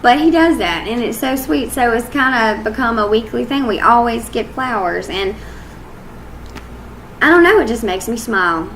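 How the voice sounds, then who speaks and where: A woman's voice: fairly high pitch, lively intonation, moderate pace, a bit bright, slight background noise, low-quality recording. A woman chatting casually in a couple's vlog, rambling and laughing often. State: hiccups. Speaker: vlog co-host.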